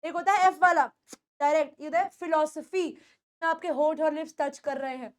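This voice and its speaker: Woman, pronunciation teacher, high voice, repeats words, asks checking questions. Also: fairly even intonation, normal speed. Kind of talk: classroom lesson.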